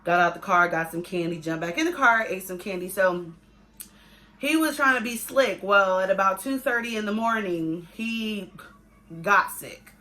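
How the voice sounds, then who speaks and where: A woman's voice: medium pitch, expressive, normal speed, sharp tone. A young adult woman vlogging as a mother, chatting casually and conversationally to viewers, repeating herself for emphasis. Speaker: family vlogger, pregnant mother. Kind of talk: casual chat to viewers, pregnancy update.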